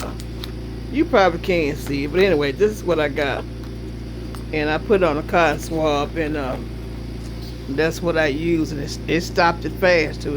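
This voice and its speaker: Guy after tonsil surgery just chatting to his vlog, kinda high voice, repeats himself, loud hum behind him. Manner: emphatic, repeats phrases for emphasis. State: recovering on the second day after tonsil surgery. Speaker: vlogger. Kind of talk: casual personal storytelling to camera.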